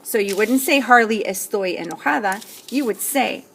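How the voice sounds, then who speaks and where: A woman teacher slowly explaining an assignment to students step by step, often checking in with "okay?". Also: mid-range voice, a bit bright, slight background noise. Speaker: Spanish teacher. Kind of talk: recorded classroom lesson.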